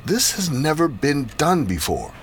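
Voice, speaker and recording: A man playing a doctor who questions a patient in a measured way before a risky procedure. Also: fairly high pitch, big pitch swings, slight background noise. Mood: probing. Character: calm clinical man, procedure doctor, probing.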